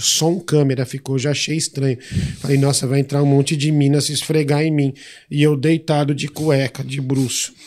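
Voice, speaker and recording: A man's voice: on the high side, a little mellow. A man with a Brazilian accent, a podcast guest telling stories casually and animatedly, swearing freely and acting out the people in his stories. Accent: Brazilian Portuguese. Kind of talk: casual storytelling.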